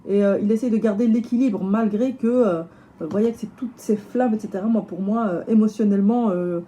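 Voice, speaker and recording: Chatty, slightly hoarse woman. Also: mid-range voice, fairly quick, warm tone. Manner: chatty, hesitant, many fillers and restarts. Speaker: tarot reader. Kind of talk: casual tarot reading to camera.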